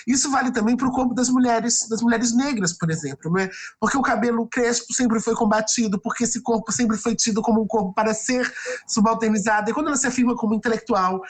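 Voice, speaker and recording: Woman guest, husky voice, thoughtful interview talk. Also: fairly high pitch. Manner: thoughtful, frequent tag questions. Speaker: guest writer and researcher. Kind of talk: reflective podcast interview answer.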